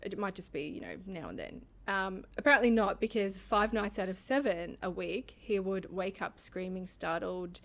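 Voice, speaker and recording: Animated woman telling a story. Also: mid-range voice, moderate pace, gravelly, hardly any pauses. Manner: animated storyteller, laughs often. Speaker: podcast co-host. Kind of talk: casual storytelling chat.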